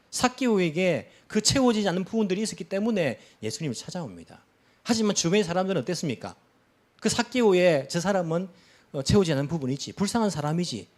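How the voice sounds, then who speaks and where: A man's voice: high voice, a little mellow. A middle-aged man, a pastor, preaching a sermon in church, chatting with the congregation through questions and little acted-out quotes.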